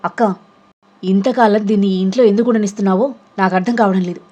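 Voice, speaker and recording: A woman's voice: medium pitch, fairly even intonation, fast, mellow, lo-fi sound, lightly acted. A woman voicing a contemptuous, idle man in his late thirties in an audio novel reading.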